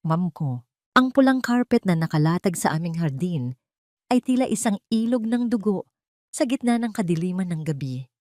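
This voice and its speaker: Low-voiced woman telling a suspense story. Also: darkish tone, no echo, clean studio sound. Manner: tense, suspenseful, emotional. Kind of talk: dramatic first-person story narration.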